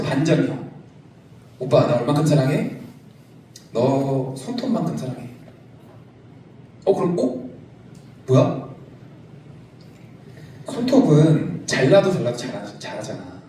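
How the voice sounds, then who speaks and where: A middle-aged man preaches to a young congregation, his fairly high voice jumping up and down as he jokes and teaches. He sounds some way from the mic, and the big sanctuary rings with a strong echo under a faint hiss. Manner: lively, joking with the congregation. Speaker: pastor. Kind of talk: youth service sermon. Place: large church sanctuary. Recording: echoey church hall, from a distance.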